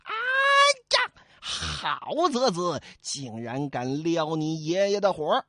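A man voicing a hot-tempered, burly male outlaw who blusters and shouts in a comic storytelling. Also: high voice, big pitch swings, normal speed, dry recording, clean studio sound, heavily acted. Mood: enraged.

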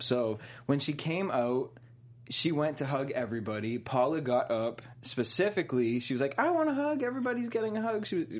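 Low-voiced sassy young woman gossiping. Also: slightly rough. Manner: sassy, expressive, slangy storytelling. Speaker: co-host. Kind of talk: casual celebrity gossip chat.

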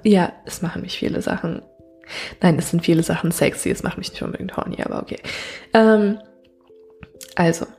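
Casual solo podcast host, woman, mid-pitched and a little breathy, effusive and slangy. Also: a little mellow. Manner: gushing, slangy, mixes in English phrases.

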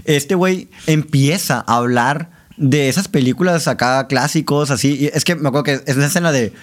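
Mexican guy on a podcast, kinda higher voice, loose slangy talk, lots of "no?" and "güey". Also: moderate pace. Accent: Mexican Spanish. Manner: animated, slangy, many fillers and tag questions. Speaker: director and teacher, podcast guest. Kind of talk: casual podcast chat.

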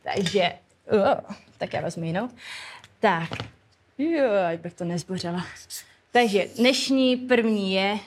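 A woman's voice: mid-range voice, long pauses, slight background noise. A woman preaching an informal sermon at a church service and leading a prayer, speaking conversationally with many hesitations and colloquial phrasing.

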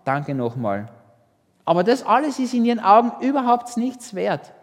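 A man preaching a sermon in a lively way, with rhetorical questions. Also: extremely high pitch, a little fast, long reverb tail. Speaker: pastor.

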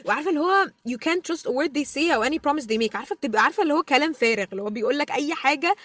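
High, very fast Egyptian woman mixing Arabic-English. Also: lively intonation, fairly bright tone, dry recording. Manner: mixes English phrases into Arabic. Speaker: podcast co-host. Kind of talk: casual chat.

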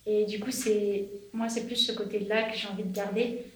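A woman's voice: medium pitch, flat delivery, moderate pace. A twenty-year-old woman, a youth group leader, speaking thoughtfully and conversationally in a roundtable. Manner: thoughtful, conversational, uses filler words. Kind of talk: casual roundtable discussion. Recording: roomy, distant mic, noise behind.

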